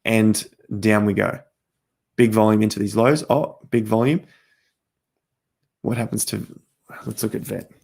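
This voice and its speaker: Host type: low, gravelly man, chatty livestream chart talk straight to camera, voice fraying and hoarse. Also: fairly even intonation, a little slow, long pauses, a little mellow. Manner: chatty, talks straight to viewers while walking through charts. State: losing his voice, coughing. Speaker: crypto market host. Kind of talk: casual livestream chart commentary.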